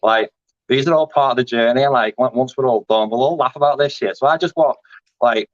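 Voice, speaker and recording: A man's voice: mid-range voice, a little fast, no room sound. A man, chatting casually in an interview about his grappling, rambling with lots of fillers and restarts. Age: 30s. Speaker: grappling competitor. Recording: dry, dull lo-fi audio.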